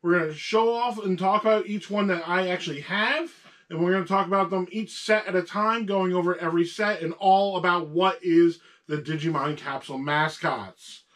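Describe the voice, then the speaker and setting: A man's voice: high-pitched, normal speed, fairly bright tone. A man with a sore throat hosting a casual show-and-tell about his toy collection, patiently talking along with a young co-host.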